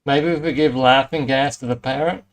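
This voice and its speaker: Man musing through casual gameplay, mid pitch. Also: fairly even intonation, moderate pace. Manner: hesitant, musing. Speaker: let's play streamer. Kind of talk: casual gameplay commentary, thinking aloud. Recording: faint game music behind.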